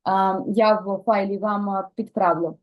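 A woman teaching a French lesson who explains song lyrics and slowly models pronunciation for the learners to repeat. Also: mid-range voice, fairly even intonation, dull audio.

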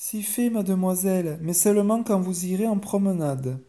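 A deferential chambermaid from a bedtime storybook, delivering her message with formal courtesy. A man voices her, his pitch lifted and his tone kept soft and mellow. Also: moderate pace, lightly acted. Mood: polite. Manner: formal and respectful.

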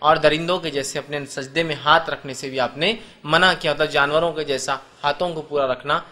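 A man's voice: fairly high pitch, fairly even intonation, normal speed, pushed and bright. A man giving a religious lecture, explaining step by step and asking his listeners rhetorical questions. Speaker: Islamic preacher.

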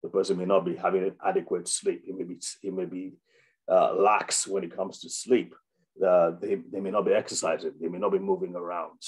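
Deep husky guy doctor giving a health webinar, lots of ums and restarts. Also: level tone, brisk, poor audio. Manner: unscripted, many fillers and restarts. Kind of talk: informal health talk.

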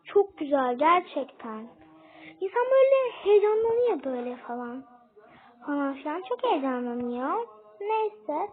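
A young woman chatting excitedly to viewers while playing a game, calling them friends and asking for likes. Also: high-pitched, unhurried. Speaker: gaming video host. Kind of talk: casual gameplay vlog. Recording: tinny phone-like sound.

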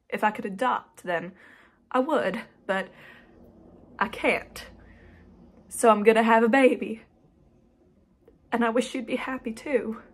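A young woman acts out a headstrong young daughter in a stage drama monologue. Her voice sits fairly high. She is emotional and insistent as she makes her case to her mother. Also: slightly rough, exaggerated voice. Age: young adult. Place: small indoor room, plain wall.

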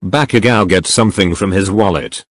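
A man's voice: deep voice, moderate pace, no room sound, clean studio sound. A young man casually reading a fan comic aloud, narrating panel notes with playful asides. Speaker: comic reader.

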